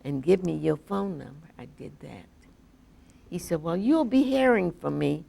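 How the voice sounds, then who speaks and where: Older woman interviewee with a deep, gravelly voice who tells stories at a slow pace and acts out the dialogue. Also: expressive, mellow. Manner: vivid, acts out quoted dialogue. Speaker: oral history interviewee. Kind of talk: personal storytelling.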